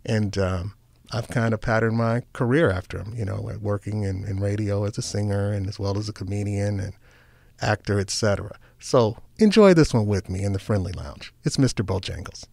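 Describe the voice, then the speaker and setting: Smooth, playful late-night radio host, a man. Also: on the low side, moderate pace, darkish tone, dry recording. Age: 40s. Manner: smooth, playful announcer delivery. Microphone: studio microphone.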